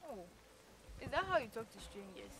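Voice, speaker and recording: A woman's voice: fairly high pitch, big pitch swings, a little fast, a bit bright. A young woman acting as a polite woman with a hurt leg who keeps asking for help and says please constantly. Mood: defensive. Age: young adult. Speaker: actor in a short film. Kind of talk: short-film drama acting. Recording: noisy outdoor recording. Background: clear background noise.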